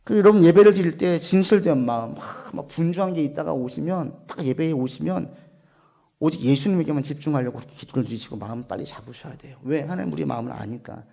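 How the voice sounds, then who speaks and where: A male pastor preaching a sermon, asking the congregation questions and answering them himself, dropping to a soft low voice on key points. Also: quick pace, creaky. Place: church sanctuary.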